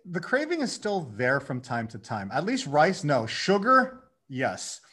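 A man in his thirties, a guest on a podcast, telling his story in a lively way and acting out his own inner dialogue. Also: a little high, a little slow, slightly rough. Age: 30s. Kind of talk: casual conversation.

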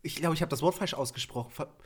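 Man, casual chat, lively storyteller, laughs a lot, stumbles over words, higher voice. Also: fast talker, slightly rough. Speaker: podcast co-host.

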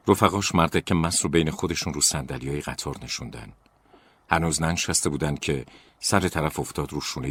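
A man reading scary stories aloud in a slow, dramatic, often hushed storytelling manner. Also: rumbling low, vocal fry, husky. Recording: crickets chirping in the background.

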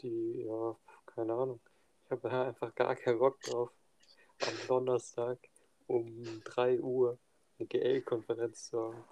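Flat-voiced young man, laid-back chat. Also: medium pitch, measured pace, no echo. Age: young adult. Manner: laid-back, dry, slangy. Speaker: student. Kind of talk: casual chat. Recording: noticeable background hiss.

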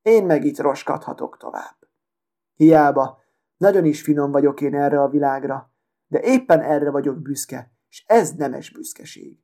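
Storybook figure: a conceited lady needle, full of airs, proud and affected, with a fairly high but mellow voice, read by a man. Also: close to an everyday voice. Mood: proud, dreamy. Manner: proud, self-important, affected. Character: vain haughty female sewing needle.

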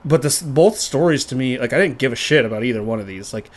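A man's voice: medium pitch, expressive, fast talker. A man co-hosting a casual movie podcast, blunt and loose, swearing and saying "like" a lot. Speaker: podcast co-host. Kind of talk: casual film chat.

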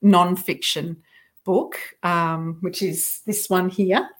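A woman's voice: on the low side, fairly even intonation, slow pace. A middle-aged woman author, a guest in an interview, talking reflectively and self-deprecatingly about her writing, with frequent restarts.

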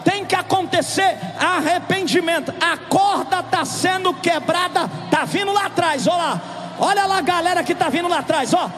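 A man preaching a revival sermon, shouting impassioned altar calls in a large church. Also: very high voice, normal speed, a faint crowd, a little hiss or hum. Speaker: pastor. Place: large church with galleries, live congregation. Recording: live church recording with long reverb and music.

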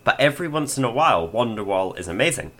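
A man's voice: medium pitch, big pitch swings, fast talker, a bit bright. A man co-hosting a casual music review podcast, reasoning things through with frequent ums. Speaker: podcast co-host.

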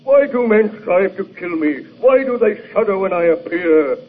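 Frankenstein's brooding monster. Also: male voice, medium pitch, breathy edge. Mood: anguished. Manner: slow, brooding, anguished pleading. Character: wretched, bitter man-made male monster. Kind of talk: 1940s radio acting. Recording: tinny old radio recording.

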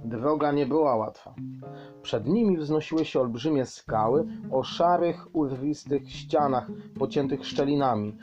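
A man reading a children's story aloud in a calm, measured way. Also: mid-range voice, lo-fi sound, soft background music. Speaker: audiobook narrator.

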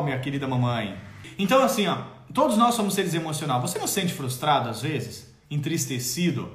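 Dramatic guy lecturing moms about kids' feelings, high voice, echoey room. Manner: expressive, theatrical, direct address to mothers. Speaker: parenting educator. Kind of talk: motivational parenting talk. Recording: roomy echo.

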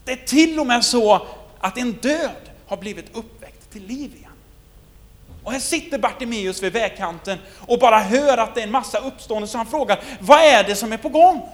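A man preaching a sermon, retelling a scripture story and putting rhetorical questions to his listeners. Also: very high voice. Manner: asks the listeners many rhetorical questions, loudness swings widely.

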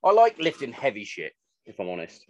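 A man's voice: mid-range voice, huge pitch swings, fairly quick, dry recording. A man hosting a podcast, chatting informally in a blunt, sweary way. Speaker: podcast host. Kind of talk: casual chat.

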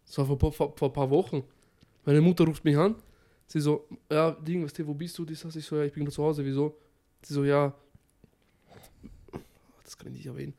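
A man's voice: fairly high pitch, steady tone, fairly quick, dark tone. A young man with a Viennese accent chatting casually on a podcast, telling long rambling stories in street slang with lots of fillers. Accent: Viennese German. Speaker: podcast co-host. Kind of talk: casual chat.

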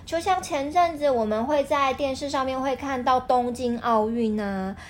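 A parent with a high voice reads a picture book aloud to a toddler at a normal pace, over a slight hiss or hum. She's expressive and teacherly, explaining things and asking the small child simple questions.

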